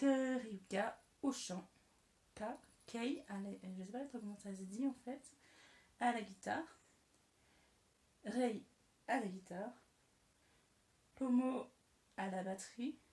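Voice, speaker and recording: A woman's voice: fairly high pitch, warm tone. A young woman vlogging casually to camera, chatty and self-mocking, stumbling over names and muttering to herself as she fidgets. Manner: fidgets and moves around on camera. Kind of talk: casual talking-head vlog. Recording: echoey room, faint hiss.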